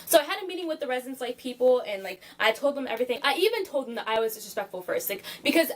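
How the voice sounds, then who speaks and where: A woman's voice: high voice, sing-song, rapid-fire, poor audio. A young woman telling a storytime vlog in a blunt, profane, emphatic way, full of "like.". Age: young adult. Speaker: college student vlogger.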